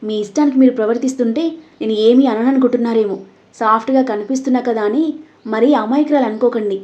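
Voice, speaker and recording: A woman's voice: a little high, fairly even intonation, quick pace, dark tone, natural voice. A woman voicing a young office worker who speaks in an indignant, scolding way. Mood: angry. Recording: dull lo-fi audio.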